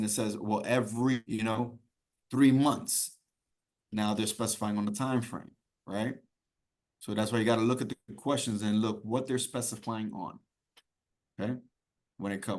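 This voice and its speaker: A man teaching an exam-prep class in a conversational way, often checking in with "right?" and "okay?" and repeating key points. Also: lowish voice. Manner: repeats key points to drive them home. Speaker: instructor.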